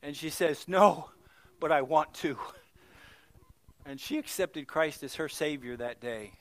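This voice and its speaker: Male pastor, middle-aged, high bright voice, dramatic storytelling sermon. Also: animated, a little slow. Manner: storytelling, swings from loud exclamations to hushed near-whispers.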